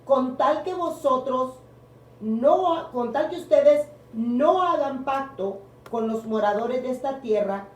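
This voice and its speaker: A woman teaching a congregational Bible study, speaking deliberately and leaning hard on key words, recorded in a meeting room by a distant microphone. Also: high voice, animated. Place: congregation meeting room, also streamed online. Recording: echoey room picked up from a distance.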